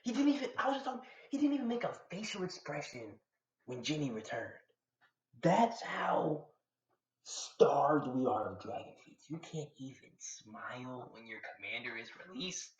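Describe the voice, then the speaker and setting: A young man from Atlanta talks casually and at length on a live stream, slangy and chatty as he answers his chat. His voice sits at an ordinary middle pitch. It is caught in a roomy space with a slightly muffled, dull sound. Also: very animated, moderate pace. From Atlanta, USA. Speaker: live streamer reacting to manga.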